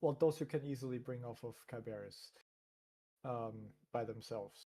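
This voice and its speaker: A man's voice: medium pitch, warm tone, slight background noise. Hesitant man explaining a game world. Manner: halting, many fillers, laughs easily. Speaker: game host and guide. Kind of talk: casual explanation.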